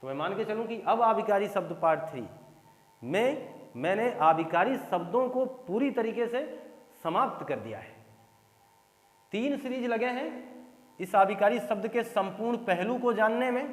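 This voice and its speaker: Male teacher, high voice, hall reverb, drills examples over and over. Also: lively intonation, moderate pace. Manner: explains by repeating examples, asks students if clear. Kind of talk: grammar lesson for exam prep.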